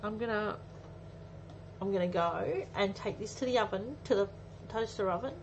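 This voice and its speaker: A woman in her forties hosts a live craft demonstration with a mid-range voice at a moderate pace. She keeps up casual chat with her viewers, thinking aloud as she works. It's recorded with muffled audio and faint background noise.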